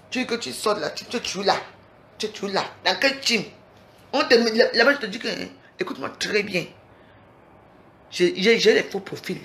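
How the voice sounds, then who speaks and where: A woman's voice: mid-range voice, fairly bright tone, slight background noise. A woman in an angry, confrontational livestream rant, recorded on a phone and hammering at her target with repeated challenges. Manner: confrontational, repeatedly demanding "you hear?".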